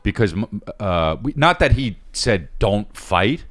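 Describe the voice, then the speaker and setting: A man co-hosting a casual comedy podcast, animated and profane, with constant quick agreements. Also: on the low side, no room sound. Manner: animated, heavy on quick yeah and right agreements. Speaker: podcast co-host.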